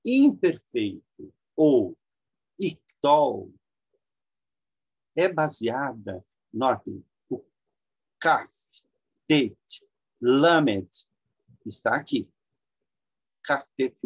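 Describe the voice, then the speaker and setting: Male teacher, slow halting lecture, gravelly husky voice, dry close mic. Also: medium pitch, a little mellow, dry recording. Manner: slow, halting explanation with many fillers, drawing out example words. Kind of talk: classroom lecture.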